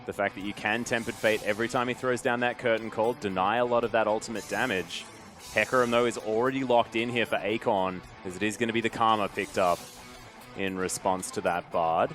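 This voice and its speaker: A man doing esports play-by-play as a caster, with an agreeable, brisk broadcast delivery. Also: on the low side, fairly even intonation, a bit bright, soft background music.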